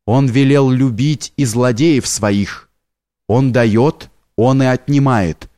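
A man reading an audiobook voices a troubled young man who speaks earnestly, lifting his voice higher. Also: slow pace, dark tone, no room sound, clean studio sound, close to an everyday voice. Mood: solemn.

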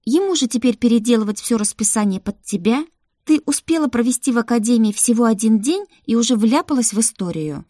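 Storybook figure: a woman playing a playful young wife and friend, higher and brighter. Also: expressive, a little fast, no room sound, studio quality. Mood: lively. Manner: bright and teasing. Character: Mira, lively young woman friend, teasing.

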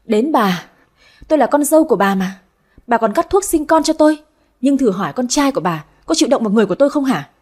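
A woman's voice: high voice, lively intonation, fast, a little mellow, husky. A woman voicing a spiteful, scheming young wife who shrieks and accuses in a frantic way, in a storybook reading. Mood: bitter.

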